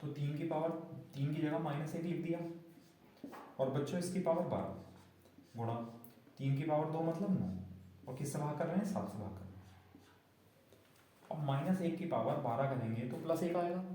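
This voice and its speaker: A man's voice: fairly high pitch, normal speed, pauses often, mellow. A man teaching a maths lesson, explaining each step and often asking the class whether they understood. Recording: very echoey room.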